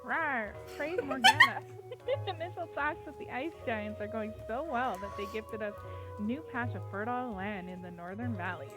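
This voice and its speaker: A woman's voice: medium pitch, normal speed. A woman reading voice lines for a game on a stream, giggling and adding silly growls. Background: loud music.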